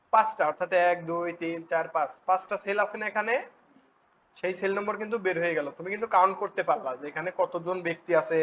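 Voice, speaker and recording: A man teaching a spreadsheet class, often asking students quick check questions. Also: sits high, fairly bright tone. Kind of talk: spreadsheet tutorial. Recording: dull lo-fi recording with faint noise.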